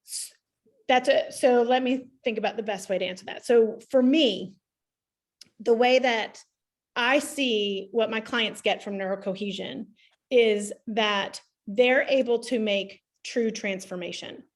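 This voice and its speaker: Brief: woman in a live Q&A lesson, slightly high voice, loose and self-correcting delivery. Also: unhurried. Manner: chatty, self-interrupting, restarts sentences. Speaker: energy practitioner teaching a class. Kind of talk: live Q&A teaching, casual explanation.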